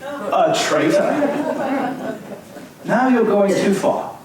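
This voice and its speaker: An older man, a community theater actor, plays a wry, evasive Irish book reviewer in an amateur stage reading, sounding mild and defensive. His voice is high and animated, delivered very slowly with exaggerated flair. The mic sits far off in an echoey hall, with faint hiss.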